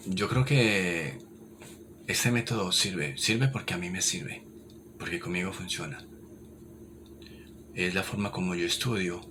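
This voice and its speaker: A man, giving an informal language lesson in a repetitive, encouraging way. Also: deep voice. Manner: repetitive, encouraging, many restarts. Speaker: English teacher. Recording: noticeable background noise.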